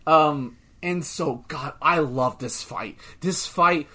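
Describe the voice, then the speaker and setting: A man co-hosting a casual chat podcast, rambling and excitable, often swearing as he talks. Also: a little high, slow, husky. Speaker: podcast co-host.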